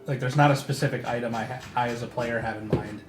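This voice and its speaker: A man chats casually as a player at a tabletop game. His voice is average in pitch and recorded in a roomy, echoing space with music clearly audible behind him. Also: steady tone, fast talker. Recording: echoey room, music behind.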